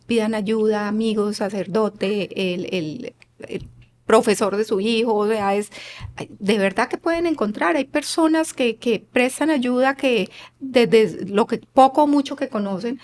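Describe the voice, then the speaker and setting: A fairly high-voiced woman talks as an expert guest in an interview. She sounds earnest and a bit like a teacher, slipping into quick acted-out lines of parents and kids. She keeps asking listeners "right?". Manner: earnest and didactic, acting out parents and children; asks listeners rhetorical questions. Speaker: guest expert on child rearing. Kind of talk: explanatory interview talk.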